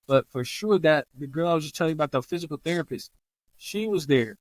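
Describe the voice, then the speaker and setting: A man's voice: fairly high pitch, fast talker, no room sound, low-quality recording. A man, a podcast guest on a remote call, telling his story casually in an interview and acting out the people he quotes. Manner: animated, acts out quoted voices.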